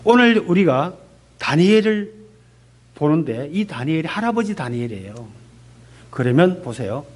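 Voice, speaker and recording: Man, fifties, missionary pastor, church sermon, high voice, very lively intonation, emphatic. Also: normal speed. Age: 50s. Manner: animated, emphatic, asks the congregation questions. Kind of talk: testimony sermon to a congregation. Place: church worship service.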